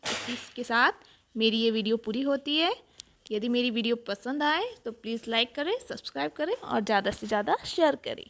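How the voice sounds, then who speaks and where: A woman's voice: a little high, animated, normal speed, fairly bright tone. A woman teacher patiently walking through a children's worksheet, explaining each answer step by step. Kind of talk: worksheet walkthrough lesson.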